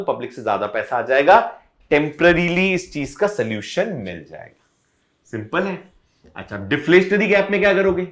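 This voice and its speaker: A male economics teacher giving an online exam-prep lecture, explaining step by step and switching between Hindi and English mid-sentence. He talks straight to his students and repeats key points to make them stick. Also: a little high.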